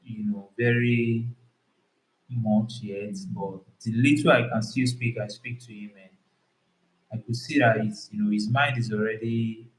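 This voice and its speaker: A man's voice: fairly low pitch, fairly even intonation, measured pace. Nigerian man with a Yoruba accent, roomy sound. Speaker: co-host of couple channel. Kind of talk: casual couple Q&A chat.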